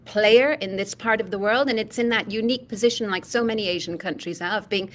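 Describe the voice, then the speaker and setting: A woman from Indonesia speaking in a measured, reflective way on an opinion panel, often adding "you know". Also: mid-range voice, fairly bright tone. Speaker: opinion columnist. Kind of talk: panel discussion.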